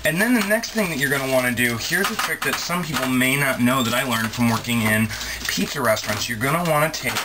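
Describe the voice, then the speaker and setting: Heavy background noise surrounds this man in his thirties as he cooks in a small home kitchen, talking a little fast in a medium-pitched voice with lively intonation. Recorded on a close handheld camera mic, his demo is chatty and self-mocking, sprinkled with playful asides.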